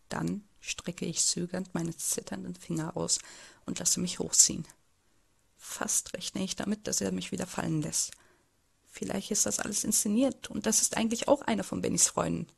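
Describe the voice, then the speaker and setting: A shy, downtrodden teenage boy, as a woman voices him tells his story in an amateur audio drama. The voice has a strongly gravelly, husky texture. The narration is hesitant and subdued. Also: on the low side, heavily acted.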